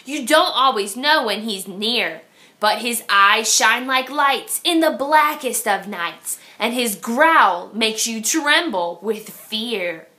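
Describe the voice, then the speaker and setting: Reading rhymes from a children's picture book, this woman storyteller for young kids uses a bright, forward voice. Her delivery is slow and very expressive, a sing-song style that swings widely in pitch.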